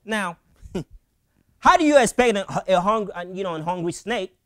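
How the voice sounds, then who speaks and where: A man's voice: sits high, lively intonation, moderate pace, no room sound, clean studio sound. A man hosting a late-night comedy show, delivering a monologue with slangy asides and laughing at his own jokes. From Africa.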